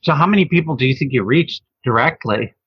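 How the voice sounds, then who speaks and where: Husky-voiced male interviewer, distant and dull. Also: medium pitch, lively intonation, brisk, dry recording. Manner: brief, curious questions. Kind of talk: casual interview questions. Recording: dull lo-fi sound, voice distant from the mic.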